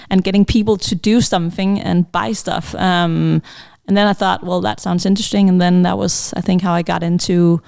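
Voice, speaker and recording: A woman's voice: mid-range voice, darkish tone, smooth. A woman in her thirties speaking as a podcast panel guest, thoughtful and full of fillers as she explains her work. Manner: thoughtful, many fillers and restarts. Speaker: panel guest, brand strategist. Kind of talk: conversational podcast answer.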